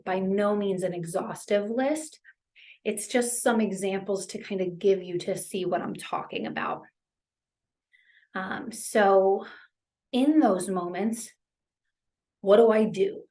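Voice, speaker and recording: A young adult woman teaching caregivers in a relaxed, conversational way, with frequent fillers and a reassuring manner. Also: mid-range voice. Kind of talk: educational talk to caregivers.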